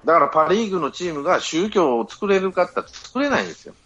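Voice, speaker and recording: A man's voice: high-pitched, very animated, racing, a bit bright, a little hiss or hum. A man in a casual podcast chat, arguing his points assertively. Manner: assertive, lecturing. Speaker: podcast panelist. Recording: dull lo-fi audio with faint music.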